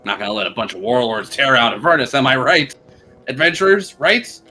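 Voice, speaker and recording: A man's voice: medium pitch, fairly quick, pushed and bright, soft background music, lightly acted. A man voicing a brash, scheming male warlord who rides a hellish motorbike, talking in a swaggering, folksy, pushy way during a tabletop game. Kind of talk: tabletop game role-play. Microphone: streaming microphone.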